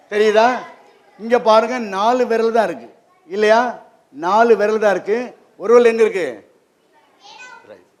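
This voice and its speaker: A man giving an interactive lesson to children in a library hall, keeping them engaged with quick questions. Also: high-pitched. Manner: lively, keeps quizzing the audience with quick questions. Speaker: guest presenter at a children's program.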